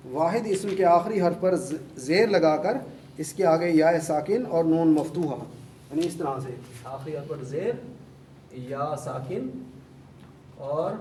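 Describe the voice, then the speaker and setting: A man's voice: a little high, mellow. Man teaching grammar in an echoey room. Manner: repeats word forms, drills students with questions. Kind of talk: classroom lesson. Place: classroom. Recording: echoey room, mic far off, faint hum.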